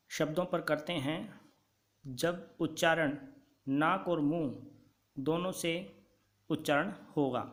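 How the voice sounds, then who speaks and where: A male teacher giving a grammar lesson, dictating notes slowly and repeating key points for students to write down. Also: on the high side.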